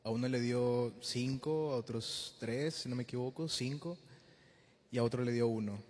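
A man preaching an informal sermon to a youth group, lively and acting out the voices of the people he quotes. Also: mid-range voice, normal speed, big-room sound. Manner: animated, acts out quoted voices.

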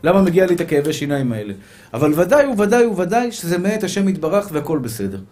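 A man, a rabbi, giving an animated sermon full of rhetorical questions and repeated phrases, his speech a little slurred after tooth extractions. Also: high-pitched. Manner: animated, acts out little scenes and voices.

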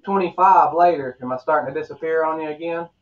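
A man's voice: fairly high pitch, fast talker, recorded from a distance, lo-fi sound. A man hosting a chat show over a remote call, his audio choppy, breaking up and cutting out, and he stumbles and restarts his words. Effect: choppy online call audio breaking up and cutting out. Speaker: podcast host. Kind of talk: casual chat. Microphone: remote video call.

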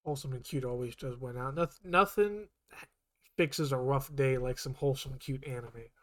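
Speaking at normal speed in a mid-range voice, a man co-hosts a podcast. The conversation is casual and meandering; he keeps restarting and correcting himself while his tone stays level.

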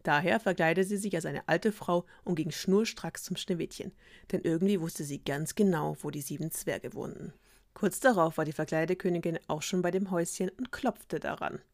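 A woman's voice: fairly low pitch, normal speed, dry recording, clean studio sound. Woman retelling a fairy tale with wry asides. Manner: ironic, slangy asides. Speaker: storyteller.

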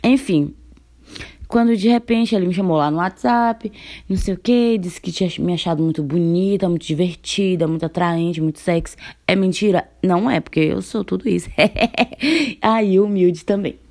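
A woman's voice: on the low side, moderate pace. A young woman from Brazil telling a funny personal story in a casual vlog, laughing often and acting out the dialogue. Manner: animated, laughing, acts out the dialogue.

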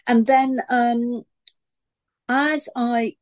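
Actress with a posh southern English accent, animated and chatty, telling stories in an interview. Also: female voice, fairly high pitch. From Sunderland, England. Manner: lively, animated storytelling with quick voice switches. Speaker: actress and voice artist. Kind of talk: casual interview chat.

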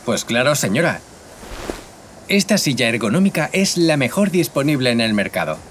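A man's voice: mid-range voice, very animated, normal speed, a bit bright, a little hiss or hum. A man acting as a courteous shop salesman in a scripted learner dialogue, speaking in a formal sales manner. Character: polite adult male shop salesman.

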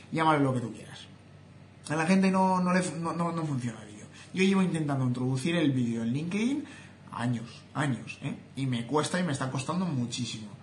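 A man's voice: medium pitch, a little hiss or hum. Opinionated Spanish man in a roomy echo. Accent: Spain Spanish. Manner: opinionated, talks straight to viewers. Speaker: social media content creator. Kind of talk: casual vlog monologue. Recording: roomy echo, faint ambience.

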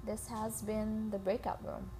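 A woman's voice: mid-range voice, level tone, unhurried, mellow, a little hiss or hum. A woman from the Philippines hosting a casual, informal solo podcast, recorded on a phone with scratching in the background. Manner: informal, swearing, addresses listeners as guys. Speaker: podcast host. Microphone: iPhone.

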